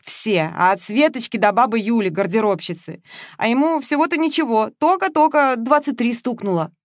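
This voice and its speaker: A woman's voice: fairly high pitch, normal speed, no echo, clean studio sound, pitched above the performer's own voice, natural voice. A woman narrator voicing Veronika, a brash, teasing middle-aged actress who gushes about young men. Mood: gushing. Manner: pushy, teasing, excitable. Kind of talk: audiobook character reading.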